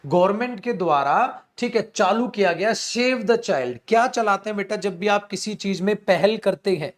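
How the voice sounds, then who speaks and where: A young man teaching an exam-prep class, asking his students questions and answering them himself, and reading English sentences slowly word by word. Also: sits high. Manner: addresses students as beta and mere dost, asks and answers his own questions. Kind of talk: online exam-prep lesson.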